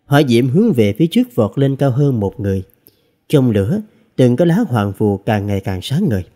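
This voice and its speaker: A man narrating a fantasy novel as an audiobook reader, with expressive storytelling. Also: mid-range voice, fairly quick.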